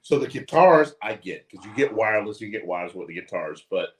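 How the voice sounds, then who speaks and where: A man's voice: lowish voice, a little fast. A man co-hosting a casual wrestling recap podcast, telling stories with lots of swearing. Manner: swearing, animated storytelling. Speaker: podcast co-host. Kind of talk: casual chat.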